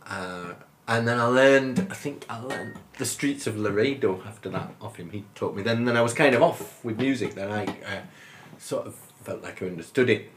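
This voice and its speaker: A man in his fifties from northern England, a musician chatting as a guest in a relaxed, rambling, good-humoured way, often laughing as he talks. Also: on the low side, moderate pace, slight background noise. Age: 50s. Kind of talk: casual interview chat.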